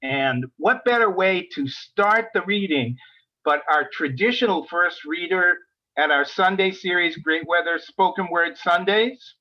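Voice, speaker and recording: A man hosting a spoken word reading series, introducing readers casually with many pauses and fillers. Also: sits high, bright, forceful tone, highs cut off. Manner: halting, many ums and uhs. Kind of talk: casual introduction over a video stream.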